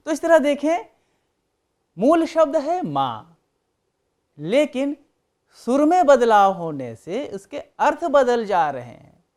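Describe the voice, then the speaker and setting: Slow, deliberate lecturer with lively intonation. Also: mid-range voice. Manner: deliberate, pausing and repeating key terms. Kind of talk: recorded academic lecture.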